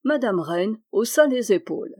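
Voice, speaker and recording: A woman's voice: medium pitch, expressive, normal speed, a little mellow, breathy edge, no room sound. Woman reading a novel, dry close sound. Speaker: audiobook reader. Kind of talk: reading a historical novel aloud.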